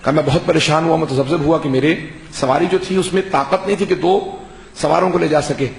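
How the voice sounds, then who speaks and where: A man delivering an impassioned sermon to a gathering, telling a story with drawn-out, emphatic phrases. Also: a little high, steady tone, gravelly. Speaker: Shia majlis orator. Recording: echoey hall with faint noise.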